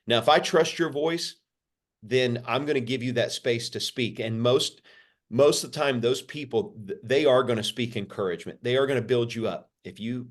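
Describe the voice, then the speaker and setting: A pastor, a man, answering interview questions in a sermon-like way, repeating phrases and lifting his pitch for emphasis. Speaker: pastor, podcast guest.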